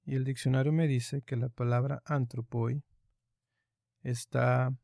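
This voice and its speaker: A man with a low, gravelly voice walks through grammar rules in a patient online lesson, pausing often with small fillers. His tone is dark and mellow, and the sound is close and dry. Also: little pitch movement, no room sound. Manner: patient, explains step by step with frequent fillers. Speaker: teacher. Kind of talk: online lesson on Greek accents.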